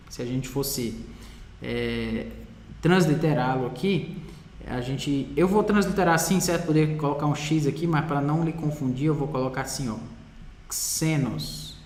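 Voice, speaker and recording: A Brazilian man teaching a Greek lesson in a Portuguese classroom style, patient and repeating words slowly while writing on a board. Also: on the high side. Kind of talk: classroom lecture. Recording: roomy hall echo.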